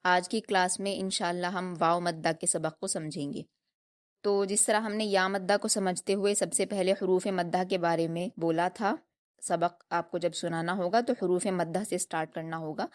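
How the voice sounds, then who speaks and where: A woman teaching a tajweed lesson, explaining patiently step by step and drilling each sound slowly. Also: lowish voice, steady tone. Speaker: Quran recitation teacher.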